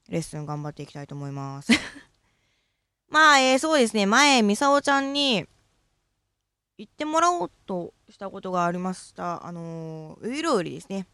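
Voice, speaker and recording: A woman's voice: fairly low pitch, lively intonation, normal speed, fairly bright tone, smooth, no room sound. A young woman from Fukuoka with a Fukuoka accent, hosting a casual solo chat and talking about her tongue-twister practice in a chatty, self-deprecating way. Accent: Fukuoka Japanese. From Fukuoka, Japan. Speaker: host.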